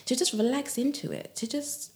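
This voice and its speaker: A woman guest on a podcast, a yoga teacher and author, talking in a gentle, soothing way with frequent laughs and soft breathy asides. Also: sits high, moderate pace. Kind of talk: relaxed podcast conversation.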